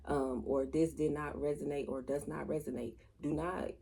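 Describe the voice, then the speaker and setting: A woman speaks in a low, crackly, raspy voice. Her delivery is monotone and matter-of-fact as she chats casually to viewers of her tarot readings. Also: moderate pace. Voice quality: raspy, gravelly. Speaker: tarot reader hosting a channel.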